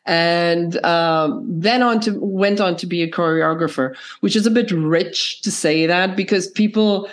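Female podcast guest, lowish froggy croak, hoarse with a cold, chatting casually about herself. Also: a little slow, few pauses. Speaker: podcast guest, filmmaker and choreographer. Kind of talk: interview, casual personal storytelling.

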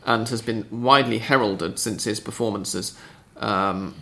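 Male podcast host, gravelly and bright, dry and chatty. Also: on the low side, unhurried. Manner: reads listener questions, chatty and dry. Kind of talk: casual podcast chat.

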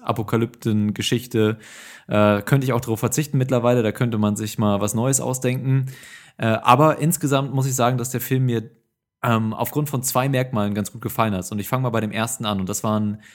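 Male film podcast host: casual, colloquial, average pitch, conversational. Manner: informal, colloquial.

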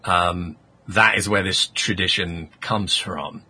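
A man co-hosting a casual podcast, joking around with quick asides about game lore. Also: low voice, fairly even intonation, bright, forceful tone, breathy edge. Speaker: podcast co-host.

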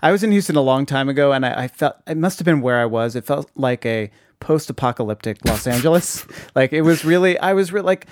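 A man's voice: medium pitch, animated, brisk, hardly any pauses, no echo. A man co-hosting a talk podcast, chatting casually and giving informal, emphatic advice to listeners. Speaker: podcast co-host.

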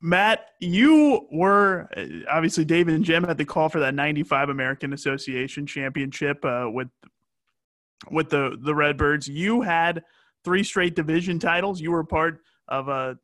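A man's voice: fairly high pitch, steady tone, moderate pace, fairly bright tone, dry recording. A man hosting a casual chat, asking long questions with easygoing fillers. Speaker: podcast host. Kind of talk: casual interview.

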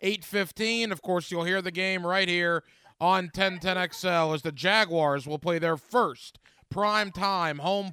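Bright, high-pitched man doing radio contest promo. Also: smooth, no room sound. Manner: emphatic, repeats phrases, direct address to listeners. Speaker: sports radio host. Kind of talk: radio contest promo, announcing a ticket giveaway to callers. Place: radio studio.

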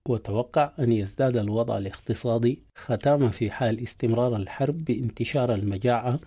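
A man's voice: medium pitch, quick pace, warm tone, breathy edge. A man presenting a scripted news bulletin in a formal public radio host manner.

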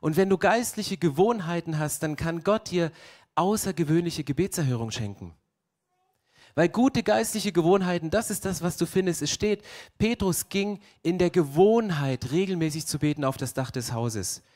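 A young man preaching from the pulpit speaks at a normal speed in a slightly high voice. He animates the story by acting out its voices and asks the congregation rhetorical questions.

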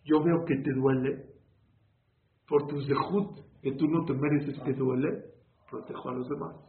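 A man's voice: mid-range voice, fairly even intonation, measured pace. A man giving a sermon as a rabbi, preaching with rhetorical questions and storytelling. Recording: echoey, phone-like with faint room noise.

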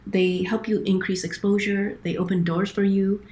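A woman's voice: mid-range voice, little pitch movement, normal speed, darkish tone. A middle-aged woman from Hong Kong, a guest on a podcast interview, explaining things earnestly with frequent restarts over a remote call. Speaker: guest, operations director.

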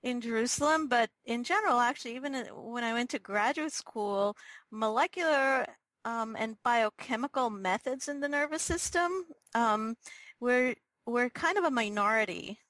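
A middle-aged woman from Israel, a neurobiology professor, answering interview questions thoughtfully with many pauses and restarts. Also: on the high side, fairly bright tone, dry recording, poor audio. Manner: thoughtful, lots of ums and restarts.

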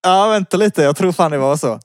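A man's voice: a little high, no echo, clean studio sound. Hesitant, giggly male podcaster. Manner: hesitant, laughs a lot, swears casually. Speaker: podcast co-host. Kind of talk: casual rant podcast chat.

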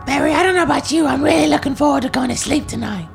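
A woman playing a crude, swearing adventurer in a tabletop game, in a lively way. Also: high voice, racing, creaky, over music. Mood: chatty. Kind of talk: tabletop role-play in character.

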